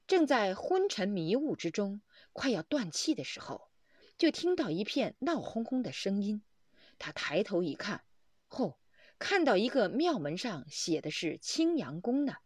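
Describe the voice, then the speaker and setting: A woman's voice: medium pitch, sing-song, unhurried, dry recording. A woman reading a Buddhist story aloud, narrating expressively and often breaking into exclamations. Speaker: reader of a Buddhist text.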